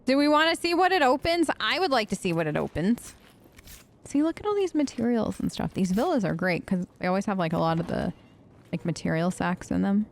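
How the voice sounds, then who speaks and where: A woman hosting a let's play, giving chatty, excitable commentary while she plays and yelping when startled. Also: lowish voice, fairly quick, creaky. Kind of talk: gameplay commentary. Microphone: headphones with mic.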